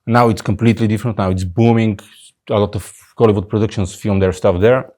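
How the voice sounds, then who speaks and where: Bulgarian-accented man, lowish voice. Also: a little fast. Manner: relaxed, loose sentences with fillers and restarts. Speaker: photographer guest. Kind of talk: casual interview chat.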